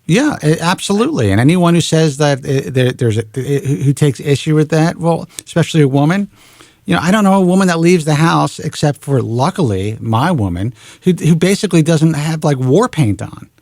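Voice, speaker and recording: A man's voice: fairly high pitch, expressive, moderate pace, darkish tone, dry recording, studio quality. A man in his forties hosting a radio talk show, talking frankly and bluntly and swearing casually. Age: 40s.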